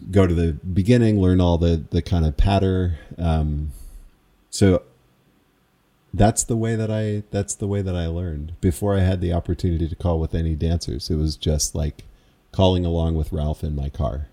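Deep-voiced, mellow man telling stories. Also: steady tone, normal speed. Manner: meandering, reflective, self-amused. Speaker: square dance caller. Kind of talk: casual interview storytelling.

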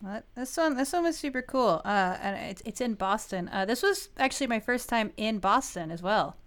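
A woman in her thirties co-hosts a podcast, chatting casually with plenty of "like," restarts and giggles. Her voice is a little high and animated, at a moderate pace.

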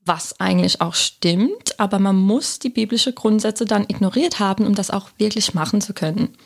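A woman with a Palatinate German accent co-hosts a casual podcast about the Bible, thinking aloud with fillers and restarts. Her mid-range voice carries vocal fry at a moderate pace.

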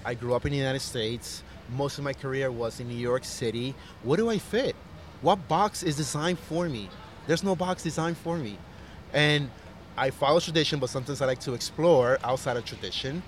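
This man grew up in Costa Rica and works as a chef, and he speaks earnestly and reflectively in a casual interview, using fillers and restarting sentences. His mid-range voice moves at a normal speed over slight background noise.

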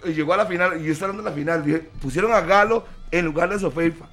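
A man in a sports debate with a slightly raised pitch. He jumps in with short interjections and repeats his words to get the floor. He also grants the others a point when they make one. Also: very fast, loud music behind the voice. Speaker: sports talk panelist.

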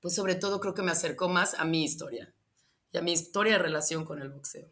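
A young Mexican woman who grew up in Michoacán, answering interview questions and telling stories with lively, acted-out quotes. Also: fairly low pitch, a little fast. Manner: animated storytelling, acts out quoted lines.

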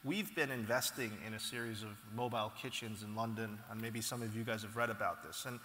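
A man being interviewed as a company founder, telling stories in an animated, casual way with frequent restarts. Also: lowish voice, fairly quick, slight background noise. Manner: animated storytelling, frequent restarts and "you know". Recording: echoey hall with long reverb.

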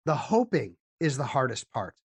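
A man's voice: mid-range voice, very animated, normal speed, breathy edge, dry recording. A man hosting a podcast in a casual, jokey, informal interview style. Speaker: podcast host.

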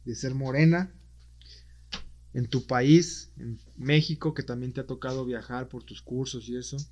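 A man hosts a podcast interview, asking questions in a friendly, conversational manner and wrapping up warmly. His medium-pitched voice has fairly even intonation and a measured pace, though the audio is dull and lo-fi.

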